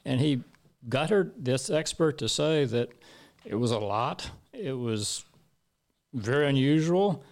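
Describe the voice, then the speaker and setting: A man's voice: mid-range voice, animated, takes it slowly. A man commenting on a trial in a casual panel discussion, emphatic and repeating words for stress. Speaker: legal commentator.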